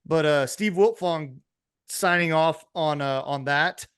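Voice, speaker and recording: A man's voice: fairly high pitch, slow, a bit bright, clear, resonant tone. A man co-hosting a sports podcast, reading out recruiting news and teasing his co-hosts. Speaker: podcast co-host. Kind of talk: casual sports chat.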